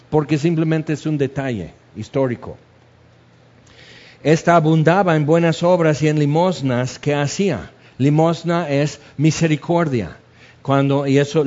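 A man's voice: fairly high pitch, darkish tone. A man preaching an expository sermon, talking conversationally, restarting words and acting out quotes. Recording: dull lo-fi recording.

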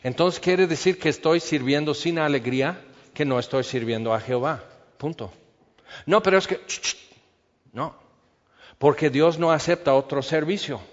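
Preacher, man, animated sermon with acted-out quotes; lo-fi, hall reverb. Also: fairly high pitch, normal speed. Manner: animated, acts out quoted voices, rhetorical questions. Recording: lo-fi echoey hall.

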